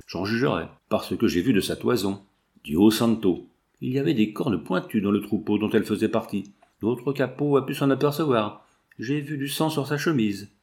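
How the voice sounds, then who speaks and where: A man's voice: medium pitch, darkish tone, lightly acted. Man reading as a coarse jeering brigand sentry. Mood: gossiping. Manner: mocking, crude cackle.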